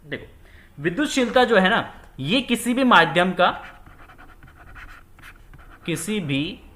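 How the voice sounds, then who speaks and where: A male physics teacher with a high, animated voice that swoops up and down as he explains. He keeps asking the class questions and answering them himself, and he acts out small scenes to make a point. The sound is roomy and echoey. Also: slow. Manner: repeats key words, asks questions and answers them himself; acts out little scenes with quoted dialogue. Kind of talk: classroom lecture.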